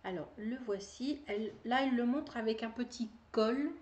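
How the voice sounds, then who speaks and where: Woman knitting vlogger, casual, rambling, self-mocking, a touch high-pitched; roomy echo. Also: normal speed, darkish tone, muffled recording. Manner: chatty, rambling, many fillers, laughs at herself. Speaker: knitting video podcaster. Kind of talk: casual chat to camera.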